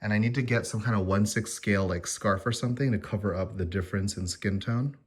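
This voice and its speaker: A man casually walking through his collectible figure displays, chatty and rambling, often pausing with ums and correcting himself. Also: lowish voice, slightly rough. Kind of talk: casual vlog walkthrough.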